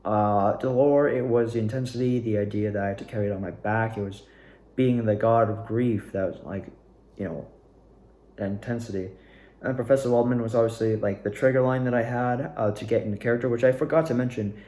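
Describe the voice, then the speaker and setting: Brisk and mellow, with a lowish voice and fairly even intonation, a young man who acts as an amateur and makes videos reflects casually and unscripted for his viewers. He rambles with hesitation and often trails off, in an echoey room.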